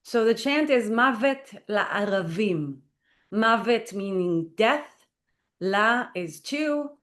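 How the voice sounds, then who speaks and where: With lively intonation, a medium pitch, a fairly bright tone and a slow pace, an Israeli playwright and performer gives an earnest talk radio interview as a guest. Fillers such as "like" and "you know" come often, recorded on a studio microphone.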